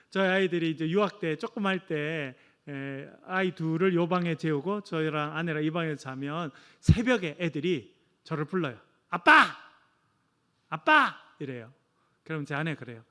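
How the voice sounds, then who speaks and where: A man in his forties preaching a sermon to a church congregation, telling family stories and often addressing the listeners directly. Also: a little high. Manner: storytelling with asides to the congregation; acts out quoted voices of his children. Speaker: pastor. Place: church sanctuary.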